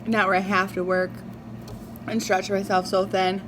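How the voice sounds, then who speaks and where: Female mukbang vlogger, mid-range voice, talks while eating; confessional, pausing, reflective; noticeably noisy recording. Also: medium pitch, flat delivery. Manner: chewing and eating while talking; reflective, halting, with drawn-out words and pauses. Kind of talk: casual confessional chat to viewers. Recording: clearly noisy background.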